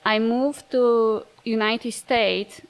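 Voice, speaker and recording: A woman's voice: a little high, steady tone, very slow. A middle-aged woman from Romania, a Romanian-accented chef and interview guest, speaking chatty, non-native English and laughing easily. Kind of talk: casual interview chat.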